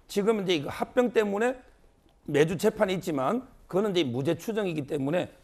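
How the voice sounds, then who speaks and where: A man's voice: high voice, lively intonation, brisk, a little mellow. A male lawyer commenting on a TV news panel, explaining at length with many fillers and repeating key phrases.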